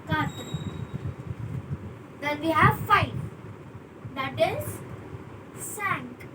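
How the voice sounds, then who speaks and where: A young woman teaching basic French numbers, slowly repeating each word several times. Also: high voice, lively intonation. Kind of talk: basic language lesson. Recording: distant mic with traffic noise.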